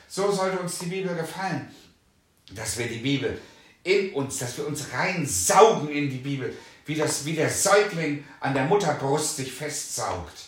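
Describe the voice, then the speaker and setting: A man's voice: a little high, fairly bright tone, reverberant. A man preaching a fervent sermon, reading scripture aloud and calling out hallelujah again and again.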